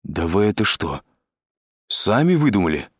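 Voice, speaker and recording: Harried man in an office, read by the narrator, low and clipped, dry close sound. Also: big pitch swings, normal speed, slightly rough, no echo. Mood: irritated.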